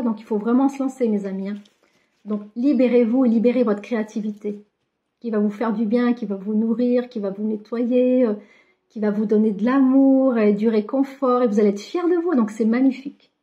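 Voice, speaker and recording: A woman with a fairly high, mellow voice talks her viewers through a card reading. She sounds affectionate and encouraging, and peppers her talk with small fillers. The recording sounds dull and lo-fi. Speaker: card reader giving a weekly guidance. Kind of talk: casual spiritual guidance to viewers.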